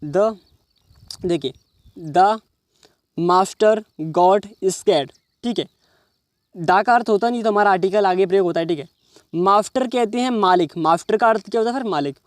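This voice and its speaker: A man's voice: high voice, dry recording, clean studio sound. A man teaching an English reading lesson, explaining each English word in Hindi and often checking whether the listener understands. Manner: reads English words slowly, then explains each in Hindi; keeps checking the listener with "समझ रहे हो".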